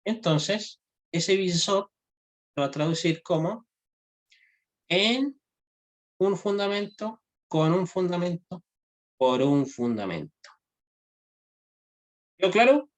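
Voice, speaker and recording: Male language teacher, slightly high voice, informal classroom lecture, frequent check-ins, halting delivery. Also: expressive. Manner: checks understanding with frequent tag questions; halting, restarts phrases often. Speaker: Hebrew grammar teacher.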